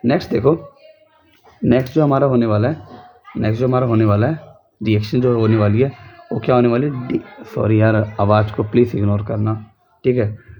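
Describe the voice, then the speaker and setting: A young man gives a casual chemistry lesson from home, going over each step again and throwing questions at his students. His voice sits at an ordinary middle pitch. The recording sounds a little dull and lo-fi. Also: fairly quick, pauses often, slight background noise. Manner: repetitive, drills students with rhetorical questions. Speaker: chemistry tutor.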